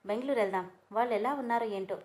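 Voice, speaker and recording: A woman reading the part of a tender young wife who speaks softly and wistfully. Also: fairly high pitch, racing, lightly acted. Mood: affectionate.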